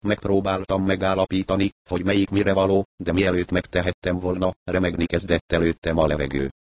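A man narrates a first-person story in a steady storytelling manner. His voice is very deep. The recording is dry and close. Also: dry recording. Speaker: reader.

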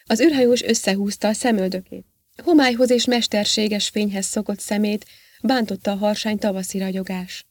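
A woman narrating an audiobook in a steady, even reading voice. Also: medium pitch, no room sound. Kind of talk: scripted narration.

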